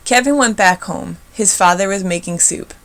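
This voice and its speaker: A woman's voice: mid-range voice, normal speed, fairly bright tone. A woman narrating a children's storybook expressively as its reader.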